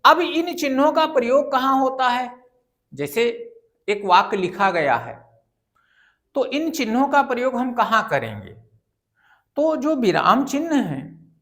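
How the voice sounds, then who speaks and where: A woman's voice: high voice, fairly bright tone. A woman teaching a grammar lesson, patiently explaining step by step and repeating examples.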